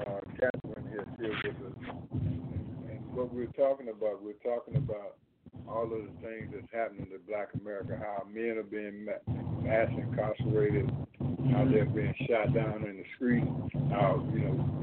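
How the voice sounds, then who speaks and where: A male host leading a talk radio discussion, asking pointed questions and repeating key phrases deliberately. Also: lowish voice, little pitch movement. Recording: tinny, noisy phone-like line.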